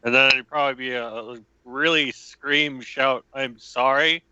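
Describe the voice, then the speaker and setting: Casting: male player, bright, crisp tone over a dull lo-fi dry mic. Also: medium pitch, fairly even intonation, slight background noise. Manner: halting, describes character actions. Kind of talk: tabletop game play.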